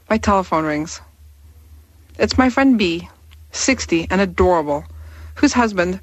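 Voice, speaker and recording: A woman in her thirties reading her own personal essay aloud in a candid, wry, measured way. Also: mid-range voice, dry recording. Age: 30s.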